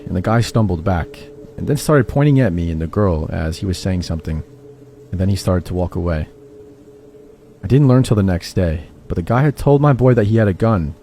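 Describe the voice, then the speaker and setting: A man narrates a true horror story in the first person, in a low voice. His tone is dark and mellow, and he keeps an even storytelling pace. Soft music plays faintly behind him.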